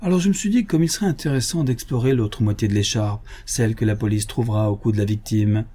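A man reading the part of a cocky, mocking gentleman thief in an audiobook, taunting and condescending. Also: fairly low pitch, quick pace, lightly acted.

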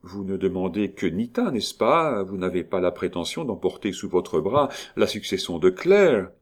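A man reading a novel aloud, voicing a bold, teasing countess in a raised, mocking voice. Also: moderate pace. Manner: lively, mocking, raises pitch sharply.

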